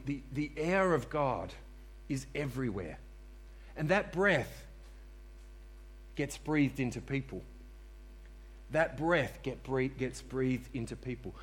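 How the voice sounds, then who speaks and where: A man preaching a sermon to a congregation in church, repeating key phrases for emphasis and calling on listeners to respond. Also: medium pitch. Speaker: pastor.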